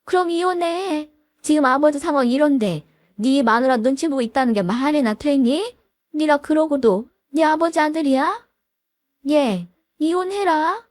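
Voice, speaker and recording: Woman doing a domineering old mother-in-law, scolding, high voice, dry close sound. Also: lively intonation, normal speed, no echo. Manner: scolding, shouting demands. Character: pushy elderly mother-in-law, shrill and domineering.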